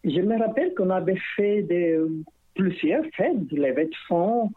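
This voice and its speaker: A woman's voice: mid-range voice, animated, unhurried, husky, dry recording. A middle-aged woman with a foreign accent, a singer-songwriter talking casually as a radio guest, rambling with many hesitations. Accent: foreign accent in French. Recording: tinny phone-line sound.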